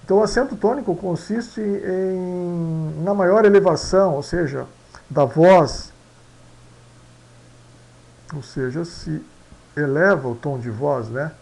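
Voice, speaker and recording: A man explaining Latin pronunciation slowly and repetitively, mixing in Spanish phrases and often asking "né?". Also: fairly high pitch, vocal fry, darkish tone, rough recording. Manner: slow, repetitive, tag questions after each point; mixes Spanish phrases into Portuguese. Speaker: language teacher.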